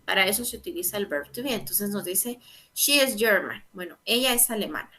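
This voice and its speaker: A woman's voice: medium pitch, expressive, a little fast, bright, forceful tone. A woman teaching an English grammar lesson, explaining patiently and checking in with "¿verdad?" again and again. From Guatemala. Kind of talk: online lecture explaining grammar.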